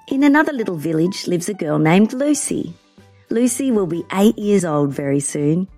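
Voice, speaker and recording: A woman narrating a children's story in an expressive, dramatic way. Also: fairly low pitch.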